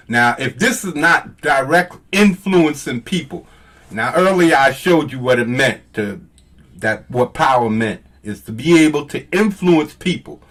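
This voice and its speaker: A man's voice: mid-range voice, fairly bright tone. A man streaming live, talking casually to his viewers in an emphatic, repetitive, preachy way.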